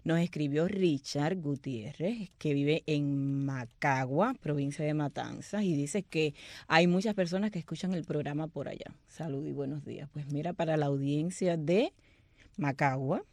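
A woman's voice: low-pitched, a little slow, darkish tone, dry recording. A woman co-hosting a radio show, reading listener letters aloud with chatty asides. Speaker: radio co-host. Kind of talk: reading listener mail on air.

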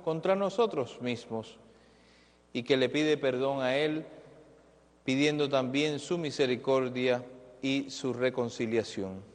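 Slow-speaking priest in an echoing church. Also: male voice, on the high side. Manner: solemn, measured church delivery. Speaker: priest celebrating Mass. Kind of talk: liturgical greeting and prayer. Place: large reverberant church. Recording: echoing church, long reverb.

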